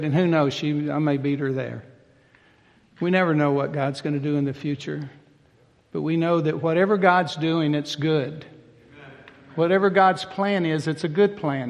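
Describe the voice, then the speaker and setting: Older man preaching in a reverberant hall. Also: on the high side. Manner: folksy, conversational preaching with plain talk. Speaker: pastor. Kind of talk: sermon.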